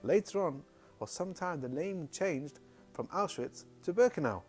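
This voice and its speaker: A man recounting a family story in a halting way, often repeating words. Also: fairly high pitch, lively intonation, a little mellow, faint music behind. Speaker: speaker recounting family history. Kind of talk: spoken personal testimony.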